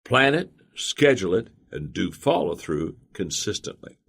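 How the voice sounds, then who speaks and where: A man reading a motivational audiobook in the first person, earnest and measured. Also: sits low, sing-song, creaky, a bit bright. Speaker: audiobook narrator. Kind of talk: scripted audiobook narration.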